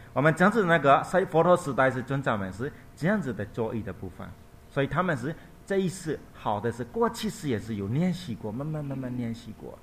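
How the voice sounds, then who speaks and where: A male monk telling a Buddhist story in a dharma talk. He is repetitive and explanatory, pauses to search for words and closes points softly. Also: mid-range voice, slight background noise. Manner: repetitive, explanatory, ends points with a quiet tag.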